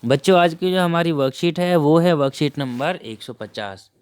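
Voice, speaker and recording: A man's voice: a little high, expressive, moderate pace, smooth. A man teaching a primary school worksheet lesson to children, friendly and explaining step by step.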